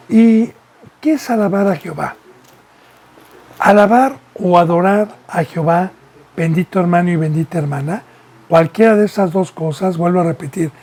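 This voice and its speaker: Male pastor, husky voice, teaching sermon full of rhetorical questions. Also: high-pitched, a little mellow. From Mexico. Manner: preaching with repeated rhetorical questions.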